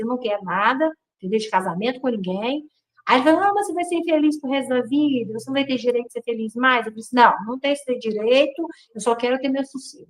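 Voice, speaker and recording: Brazilian woman telling her story, kinda high voice, acts out every quote. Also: rough recording. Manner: animated, acts out quoted dialogue. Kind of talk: casual storytelling.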